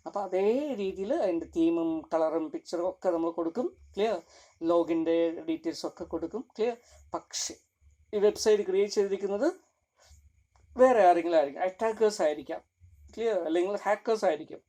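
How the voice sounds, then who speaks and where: A lecturer giving a classroom lecture, mixing English terms in and often stopping to ask "clear?". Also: medium pitch, a little fast, dark tone. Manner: keeps asking "clear?" between points; mixes English terms into explanation.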